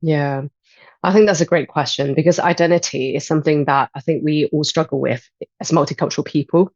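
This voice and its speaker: A woman's voice: low voice, fairly even intonation, darkish tone, no echo. Thoughtful woman guest, dull dry sound. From Hong Kong. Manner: thoughtful, measured, frequent "um". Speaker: guest, life and transition coach. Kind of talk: podcast interview.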